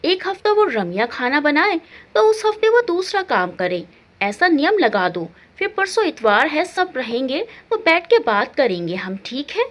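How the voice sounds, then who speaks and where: A sensible elderly father-in-law in a family storybook, played by a woman narrator, calm and advising as he lays down house rules. The voice sits lower than her own, yet stays high and lively for a man. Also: unhurried.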